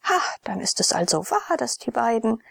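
A haughty rich young lady gives orders in a high voice that tolerates no reply, as a woman reading an audiobook puts her on. The tone is gravelly and husky, and the sound is dry and close. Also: very animated, normal speed, heavily acted. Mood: imperious. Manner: imperious, high-pitched.

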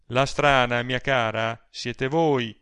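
A male reader voicing an aging gallant gentleman in an audiobook, ironic and emphatic. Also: mid-range voice, fairly even intonation, slow, clear, resonant tone, no echo, clean studio sound.

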